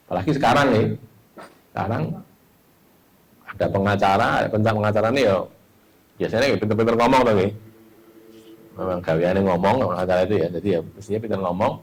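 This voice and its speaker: A man's voice: fairly low pitch, low-quality recording. A middle-aged man with a Javanese accent, teaching a hadith study class. He reads the Arabic phrase by phrase, then explains it in casual, chatty speech. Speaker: Islamic teacher.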